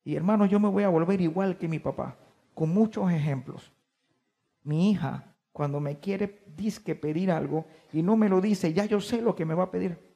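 A man preaching a sermon to his congregation, stressing key words by drawing them out slowly and putting questions to his listeners. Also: high-pitched, creaky, mellow, big-room sound, dull audio. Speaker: pastor. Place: church.

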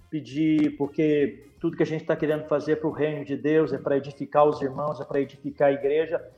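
A Brazilian man with a somewhat high voice gives an informal, explanatory talk as a podcast guest. The sound is very roomy, with faint music behind him. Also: a little mellow, dull audio.

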